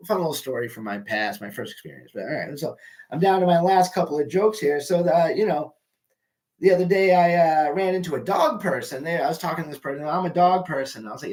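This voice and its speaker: A young man doing a casual, rambling stand-up monologue at home, loose and swearing, often trailing off mid-sentence. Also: a little high. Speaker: amateur comedian.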